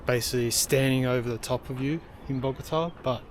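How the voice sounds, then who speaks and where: A man's voice: medium pitch, fairly even intonation, fairly quick, a little hiss or hum. A young man hiking uphill while filming a casual travel vlog outdoors, short of breath, rambling with many ums and uhs. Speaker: travel vlogger. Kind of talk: casual walking vlog narration. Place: outdoors on a hillside trail. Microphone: handheld camera.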